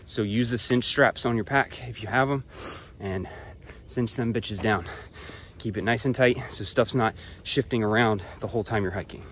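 A man vlogging hiking tips while walking a trail outdoors, relaxed and a bit profane, talking between breaths. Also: on the low side, moderate pace, few pauses, a little hiss or hum. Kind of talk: casual talk while hiking. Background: crickets and insects.

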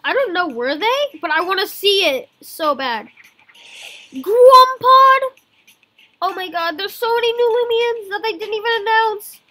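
A young-sounding gaming video host giving excited, exclamation-filled commentary and often repeating words, with game music behind. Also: very high voice, normal speed, hardly any pauses.

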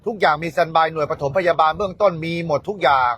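A man who teaches the dharma speaks in a blunt, coarse, scolding rant. His voice sits a little higher than most men's. It sounds like casual spoken talk aimed straight at his followers. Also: rapid-fire, a bit bright, husky.

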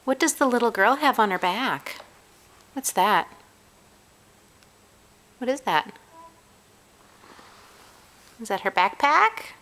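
A woman, a mother, chatting gently in a sing-song way to her toddler, repeating simple questions. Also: fairly high pitch, animated, slow, pauses often. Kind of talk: casual child-directed chat, gentle questions to a toddler. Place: carpeted room at home. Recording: home camera with clear background noise.

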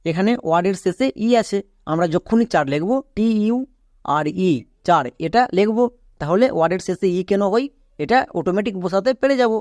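A woman whose first language is Bengali teaches English spelling and pronunciation, spelling each word out letter by letter and then saying it slowly. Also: medium pitch, a little mellow, dry recording, clean studio sound.

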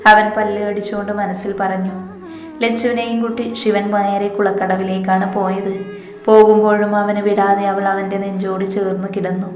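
A woman narrating a romance story in a steady, even reading manner, in an echoey room. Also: mid-range voice, normal speed, soft background music.

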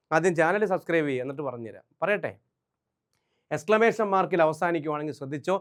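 Man with a somewhat high voice, leading an emphatic exam-prep grammar lesson. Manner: quizzing, answers own questions, emphatic. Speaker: English grammar teacher.

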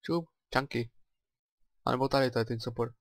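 There's no room sound on this clip of a Czech-accented man with a mid-range voice. He's casually commentating a let's play, chattering, thinking aloud and breaking into excited exclamations.

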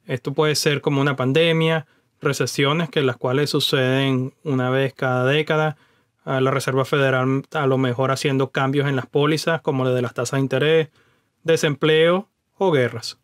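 A man's voice: mid-range voice, steady tone, moderate pace, no room sound, studio quality. A man explaining personal investing as a voice-over, talking directly to the viewer and now and then slipping in English words. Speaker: personal finance YouTuber.

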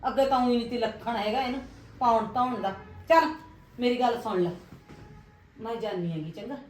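A woman plays a meddlesome village aunt, bossy and coaxing as she stirs up trouble. Her voice sits fairly high. It rings in a roomy, echoey space. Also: a little fast, a little mellow, a little hiss or hum, natural voice. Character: scheming gossiping aunt, meddlesome older woman. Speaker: aunt (chachi) giving advice. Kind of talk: village family drama acting.

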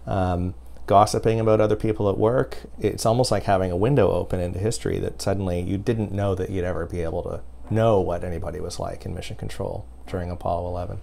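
A man's voice: sits low, steady tone, fast talker, gravelly, hardly any pauses, dark tone, a little hiss or hum. A man in his forties giving a casual demonstration and explanation in an interview. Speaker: website creator being interviewed. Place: small home office. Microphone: lapel mic.

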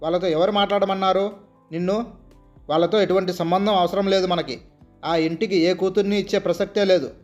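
A storybook father, middle-aged and controlling, scolds harshly. A man reads him in his own high voice. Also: steady tone, a little fast, highs cut off, soft background music, close to an everyday voice. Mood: furious. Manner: shouting, harsh.

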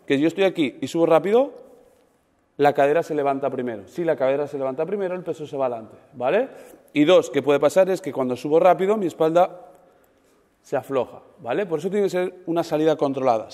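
Guy coaching a lifting class, kinda high voice, big echoey gym, keeps checking everyone's following. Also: fast talker. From Spain. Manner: animated, demonstrative, checks in with frequent ¿vale? and ¿sí?. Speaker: weightlifting coach. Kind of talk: coaching a seminar group. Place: large gym hall. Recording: long gym reverb.

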